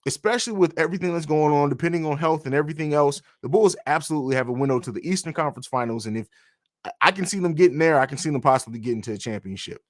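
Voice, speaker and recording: A man's voice: a little high, very fast, no room sound, studio quality. A man hosting a basketball podcast, talking casually and bluntly, rambling with restarts. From grew up in Germany on a US military base. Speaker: podcast host. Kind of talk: casual sports podcast talk, reading chat.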